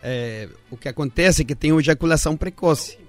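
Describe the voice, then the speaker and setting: A man's voice: on the high side, normal speed, dry recording, faint music behind. Man, dry close voice. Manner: translates phrases into Portuguese.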